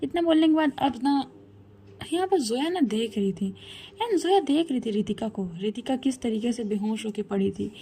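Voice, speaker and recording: A woman retells a love story in a loose, chatty way, talking straight to the listener. Her voice sits a bit high and mellow. A faint hum of noise runs underneath. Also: lively intonation, moderate pace. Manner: chatty, addresses listener as brother.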